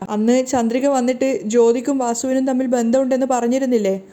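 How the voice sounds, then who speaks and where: A woman's voice: high-pitched, fairly even intonation, a little fast, warm tone, close to an everyday voice. A woman voicing a betrayed middle-aged wife in a wheelchair, pleading in grief. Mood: grieving.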